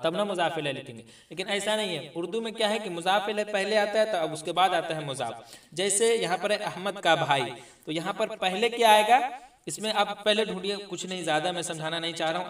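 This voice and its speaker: A man teaches an exam grammar lesson, patiently explaining each point and putting repeated questions to his listeners. His voice sits slightly higher than most men's. The sound is echoey and a little distant from the mic. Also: fairly bright tone. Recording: echoey room, voice somewhat off-mic.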